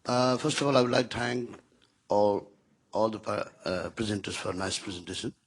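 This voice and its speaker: A man's voice: on the low side, fairly even intonation, moderate pace, slightly rough. A man from Nepal, politely asking a panel a question from the audience.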